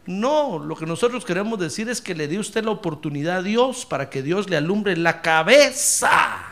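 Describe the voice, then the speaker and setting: A man preaching a sermon as a pastor, folksy and animated, leading his congregation in call-and-response and acting out conversations. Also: high voice, normal speed.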